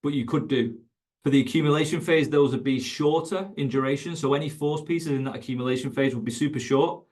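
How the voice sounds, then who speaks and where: Male coach, mid-pitched, emphatic webinar delivery with repeated points. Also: fairly quick, darkish tone. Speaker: fitness coach educator.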